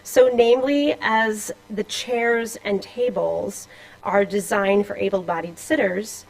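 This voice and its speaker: A woman's voice: medium pitch, fairly even intonation, slow pace, gravelly, darkish tone, rough recording. A woman presenting a scholarly paper at a conference, with a slight Boston accent, reading with casual asides and fillers in a lecture room. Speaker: conference speaker. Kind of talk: academic conference talk.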